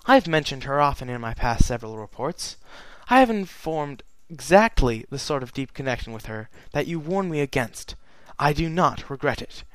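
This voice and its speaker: A man's voice: medium pitch, animated, moderate pace, hardly any pauses, dry recording, natural voice, low-quality recording. A man voicing a regal, sorrowful immortal pony princess, reading her letter in a solemn, earnest way. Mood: solemn, wistful. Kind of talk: fan fiction reading.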